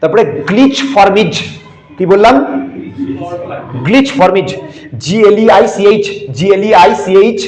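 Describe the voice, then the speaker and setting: A man's voice: high-pitched, expressive, moderate pace, long pauses, a little mellow. A man teaching a geography class, spelling out terms letter by letter and drilling the students. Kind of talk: classroom lecture. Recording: echoey room.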